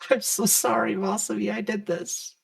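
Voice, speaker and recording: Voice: mid-range voice, steady tone, measured pace, vocal fry. A streamer's guest on a voice call, chatting casually, their voice coming through robotic and metallic from doubled call audio. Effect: robotic, metallic-sounding voice from a glitchy call audio doubling. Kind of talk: casual chat.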